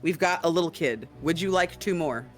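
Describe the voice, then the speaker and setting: A man working as a game master, improvising scene narration and often pausing to search for words. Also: a little high, faint music behind.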